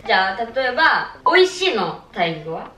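Tipsy young woman with swooping high voice. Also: big pitch swings, normal speed, recorded from a distance, over music. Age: 20s. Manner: tipsy, playful. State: drunk. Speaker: vlogger. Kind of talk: casual tipsy chat with a friend. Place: small living room, on a sofa. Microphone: camera a few metres away. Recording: roomy echo, off the mic.

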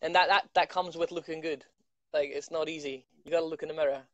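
A man's voice: a little high, fairly even intonation, quick pace, no echo, dull audio. Chatty young man on a call. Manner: chatty, self-mocking, many restarts. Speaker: MMA fighter. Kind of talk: casual video-call interview. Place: living room at home. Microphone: video call.

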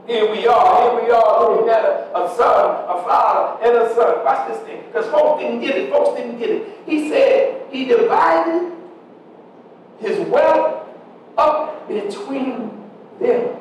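A male pastor preaching a sermon, breaking into shouts and sung, drawn-out phrases as he calls out to the congregation. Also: very high voice, some chatter behind, a little hiss or hum. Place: church sanctuary. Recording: echoey church from a distance.

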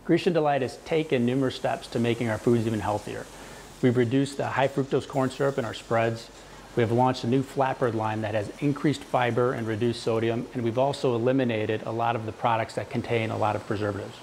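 Guy in his 30s doing an interview, calm steady voice, lapel mic, bit of room hiss. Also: mid-range voice, a little fast. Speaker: company executive. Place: indoor kitchen showroom.

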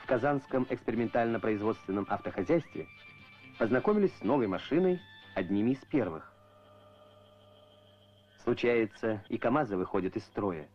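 A man narrating a scripted documentary as an old Soviet newsreel narrator, in a measured, formal announcer style. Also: fairly low pitch, lively intonation. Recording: muffled old film soundtrack with music.

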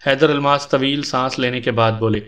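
A man's voice: medium pitch, steady tone, fairly bright tone. A man reading an audio story aloud as its narrator, speaking the characters' lines in his own voice. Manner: reads all the characters' dialogue in his own voice.

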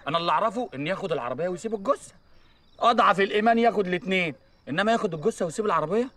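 A man's voice: high-pitched, animated, racing, fairly bright tone. An actor playing a sarcastic man who teases his panicked friend, speaking with an Egyptian accent. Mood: mocking. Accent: Egyptian Arabic. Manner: sarcastic, teasing, jokey. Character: mocking, teasing man named Abbas, always joking. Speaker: friend at a crime scene. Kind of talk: Egyptian TV comedy acting.

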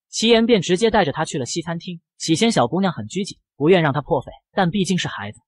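A man narrating a comic strip in brisk, scripted storytelling. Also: high-pitched, slightly rough, no echo.

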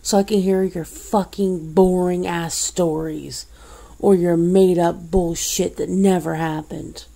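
Woman acting scornful, fed-up friend, low gravelly voice. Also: fairly even intonation, slow, mellow, heavily acted. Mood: mocking, scornful. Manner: scornful, berating, swearing. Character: fed-up woman coldly cutting off a bad friend. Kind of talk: ASMR role-play, one-sided confrontation.

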